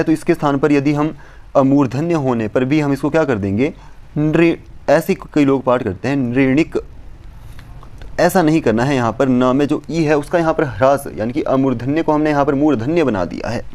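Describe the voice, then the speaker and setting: A man giving a lesson, reciting verse lines slowly and then explaining each point step by step. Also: medium pitch, darkish tone. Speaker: Sanskrit teacher. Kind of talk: explanatory lecture.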